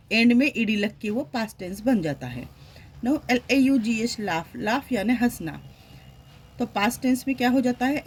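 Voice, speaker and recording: A woman's voice: a little high, darkish tone, a little hiss or hum. A woman teaching English grammar in a classroom style, spelling words out letter by letter and asking rhetorical questions.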